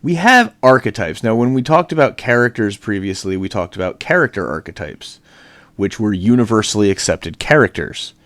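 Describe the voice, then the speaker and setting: A man with a fairly low voice gives a relaxed, rambling lecture from his home, full of fillers and restarts. The sound is dry and close, with no room echo. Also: a little fast. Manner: casual, chatty, with many fillers and restarts. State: out of breath. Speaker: teacher. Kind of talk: recorded online lecture.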